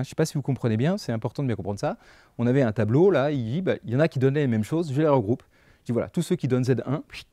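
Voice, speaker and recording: A man explaining math to adult learners in a relaxed, conversational way, full of fillers and asides. His voice is mellow and warm. The recording is dry and close. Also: mid-range voice, no echo. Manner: casual, chatty, thinks aloud with fillers. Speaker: math teacher. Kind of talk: lecturing over slides.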